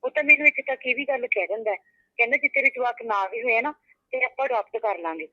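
A woman's voice: a little high, fast talker, sharp tone, dry recording. A woman playing a married friend who comforts her old college friend over a phone call, with an emphatic, reassuring manner. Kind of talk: web drama acting.

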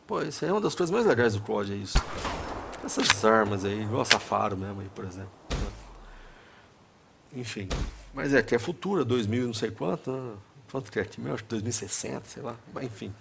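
A man's voice: medium pitch, lively intonation, fast talker, vocal fry. A man with a Brazilian accent giving casual, rambling, slangy commentary over a video game. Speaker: gaming commentator. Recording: very noisy, clicking in background.

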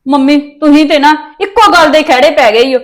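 A young woman with a Punjabi accent speaks in a high, fairly quick voice, playing a daughter in a family drama. She pleads and argues with her mother, sounding defensive.

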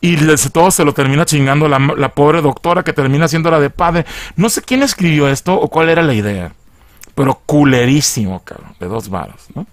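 A film reviewer with a Mexican Spanish accent casually recaps a movie, chatty, profane and mocking. His voice is fairly high and his pace fairly quick, with no echo in the recording.

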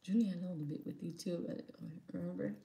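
A woman's voice: fairly low pitch, fairly even intonation, rapid-fire, mellow. A woman off camera in casual family banter, arguing back incredulously and repeating herself for emphasis. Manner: incredulous, argumentative, repeats "right". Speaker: family member.

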